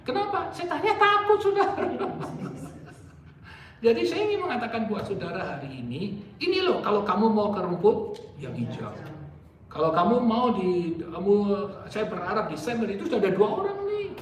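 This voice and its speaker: A male pastor preaches with an animated delivery, teasing his congregation and acting out the people he quotes. His voice sits high and swings up and down in pitch. He sounds a little off-mic in a roomy church hall. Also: moderate pace, recorded from a distance, crowd noise. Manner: animated, jokes with the congregation, acts out quoted speakers. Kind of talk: sermon. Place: church sanctuary.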